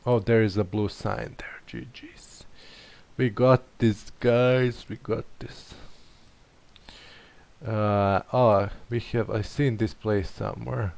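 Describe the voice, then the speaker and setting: Slow, gravelly man thinking aloud. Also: lowish voice, fairly even intonation, a little mellow. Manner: muttering, hesitant, self-questioning. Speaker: game streamer. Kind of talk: thinking aloud while playing.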